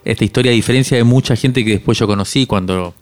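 Interviewed as an author, a Cuban man in his forties talks reflectively in a mid-range voice, often stopping as he looks for the right words.

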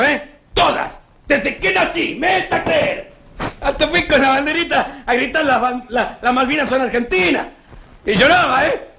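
An actor with a Rioplatense accent playing a bitter, sarcastic working-class man who mocks and shouts in bursts. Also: very high-pitched, vocal fry, slight background noise, exaggerated voice. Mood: mocking. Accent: Rioplatense Spanish. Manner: scornful, mocking, bursts into shouts.

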